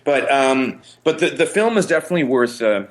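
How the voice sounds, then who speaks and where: A podcast co-host chats about pop culture with casual enthusiasm, rambling and frequently interrupting himself. He speaks fairly quickly and animatedly at a medium pitch.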